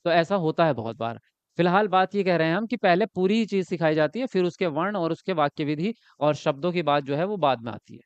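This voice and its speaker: A man's voice: a little high, animated, fairly quick, smooth, no echo, muffled recording. A man teaching an exam-prep lesson, asking questions and answering them himself, often ending points with a checking tag.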